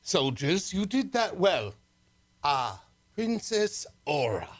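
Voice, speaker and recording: Imperious radio-serial prince, played by a man: high voice, theatrical orders, cold menace. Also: very animated, takes it slowly, full character voice. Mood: commanding. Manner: commanding, theatrical. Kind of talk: old adventure serial radio acting.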